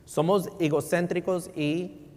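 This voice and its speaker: A male pastor preaching a sermon in a church, mixing Spanish with English and often checking in with "right?", shifting between loud emphasis and near-murmurs. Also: fairly high pitch, fairly even intonation, slow. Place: church sanctuary. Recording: long reverb in a large hall.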